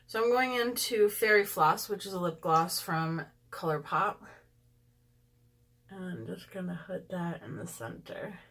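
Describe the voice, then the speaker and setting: A beauty vlogger with a lowish, somewhat bright voice speaks a little slowly as she reviews makeup products. She's casual and candid with her viewers, full of ums and asides.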